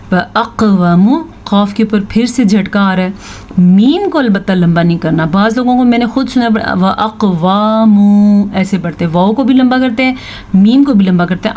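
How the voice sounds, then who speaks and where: A woman teaching tajweed, slowly reciting verses and patiently explaining how each letter is pronounced. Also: medium pitch, a little mellow, dull audio. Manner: slow, drawn-out recitation of verses between quick spoken explanations; patient, instructive, repeats each word to correct common mistakes. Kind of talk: tajweed lesson with recited examples.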